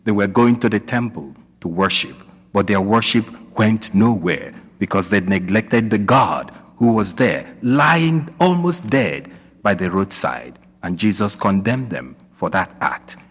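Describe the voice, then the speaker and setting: Husky priest preaching in cathedral echo. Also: male voice, on the low side, big pitch swings, a little slow. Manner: preaching with rising questions and emphatic repetition. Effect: cathedral echo, long reverb of a large church. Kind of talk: sermon. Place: church. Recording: long church hall reverb.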